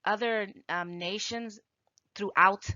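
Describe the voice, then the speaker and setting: A woman's voice: medium pitch, fairly even intonation, takes it slowly, pushed and bright, dry recording, highs cut off. A woman giving an informal video lesson on a language, arguing her points firmly with rhetorical questions. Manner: emphatic, rebutting with rhetorical questions. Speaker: language teacher.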